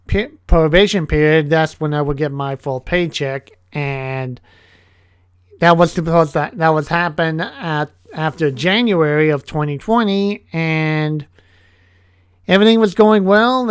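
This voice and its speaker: A young man telling a casual vlog story about his year, halting often and restarting his sentences. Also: a little high, clear, resonant tone, dry recording, studio quality. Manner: halting, with many restarts and fillers. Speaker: vlogger, English teacher.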